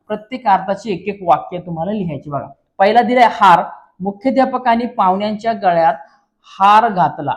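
A male teacher walking students through an exam paper, constantly asking rhetorical questions and calling viewers his friends. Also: high voice. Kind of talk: exam paper walkthrough lesson.

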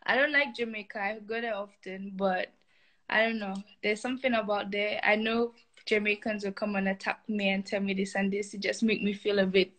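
A woman's voice: mid-range voice, steady tone, normal speed, fairly bright tone. A woman from Saint Lucia with a Saint Lucian accent, joining a live stream by phone and chatting frankly and easily. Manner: frank, easygoing, laughs easily. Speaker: caller. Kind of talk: casual chat. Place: indoors at home.

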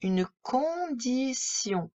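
A woman teacher walks young children through a reading lesson, speaking gently and encouragingly. She talks slowly and stretches words out syllable by syllable. Her voice sits a little high. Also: lively intonation. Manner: slow, deliberate syllable-by-syllable pronunciation. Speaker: primary school teacher.

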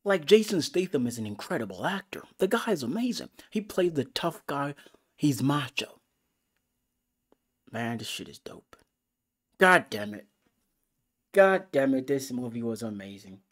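A man giving a casual, excitable movie review, full of profanity and swinging between loud outbursts and hushed whispers. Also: mid-range voice, measured pace, pauses often.

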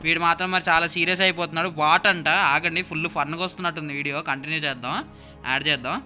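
A man's voice: on the high side, steady tone, racing, pushed and bright, faint music behind. A man with a Telugu accent, a gaming YouTuber teasing a clan mate over voice chat and talking to his viewers. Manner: teasing, provoking banter.

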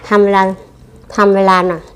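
A woman's voice: moderate pace, a bit bright. A woman doing a casual mukbang eating show, chatting to viewers between bites with chewing and savouring hums.

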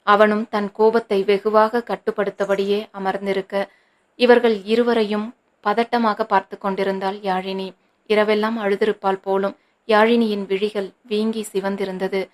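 A woman narrating a novel as an audiobook, reading steadily and evenly. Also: mid-range voice.

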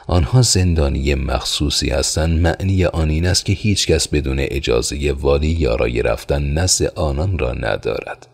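A man voicing a thoughtful, well-informed young man in an audiobook, explaining things calmly and evenly. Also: a bass voice, vocal fry, breathy edge, exaggerated voice. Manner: calm, measured explaining.

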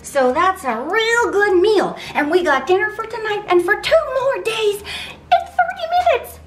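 Bubbly high-voiced woman vlogger. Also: animated, normal speed, fairly bright tone. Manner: bubbly and playful, with cutesy pet words. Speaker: weight-loss vlogger. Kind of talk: casual cooking and meal-prep talk.

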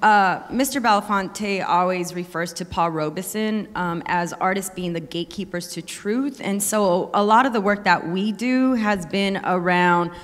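A woman activist speaking on a panel, telling stories in a fast, casual way with many fillers. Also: medium pitch, a little hiss or hum. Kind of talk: panel discussion. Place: museum event hall. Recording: long reverb of a large hall.

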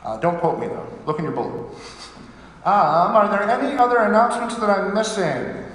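A man's voice: high voice, expressive, fairly quick, a bit bright, slight background noise. A man from Pittsburgh with a Pittsburgh accent, a priest leading prayers and giving chatty, self-deprecating announcements full of fillers in a church. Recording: echoey church with long reverb.

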